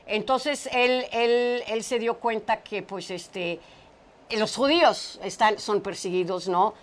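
A woman's voice: medium pitch, slow pace. A middle-aged woman hosts a studio talk show. She chats casually and translates for her guest, restarting and repeating words as she works through each answer. She speaks on a lapel mic. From Portugal. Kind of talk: casual chat, interpreting for a guest. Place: small studio set with brick wall.

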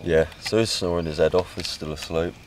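A man chatting in a relaxed, playful way at a woodland camp. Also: low voice, brisk. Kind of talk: casual chat at camp. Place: woodland camp outdoors under a tarp. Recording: outdoor noise.

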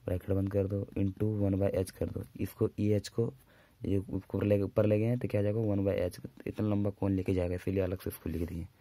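Male maths teacher, very deep dark voice, flat delivery, dry sound. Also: dry recording. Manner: slow, drawn-out dictation of formulas, brisk asides to students. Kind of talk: whiteboard maths lesson.

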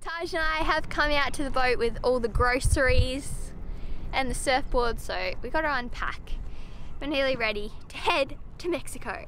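A woman's voice: high voice, moderate pace, fairly bright tone. Chatty teenage girl vlogging on a boat. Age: teens. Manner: chatty, filler-heavy with frequent "like". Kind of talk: casual vlog narration. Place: sailboat cabin and car interior. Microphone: handheld camera at arm's length. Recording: noisy handheld camera audio.

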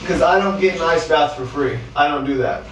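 A man's voice: a little high, a little fast, a bit bright. A young man vlogging casually while he sits in an ice cold bath. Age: young adult. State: sitting in ice cold water. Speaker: vlog host doing a challenge. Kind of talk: casual vlog chat. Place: small tiled bathroom, in the bathtub. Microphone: camera a few steps away. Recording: roomy echoing bathroom, distant mic, noisy.

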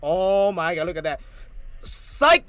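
A man's voice: sits high, very animated, slow, pushed and bright. A man playing a horror game and commenting casually, jumpy, with yelps and nervous laughter at the scares. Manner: slangy, casual talk to himself. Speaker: gaming YouTuber.

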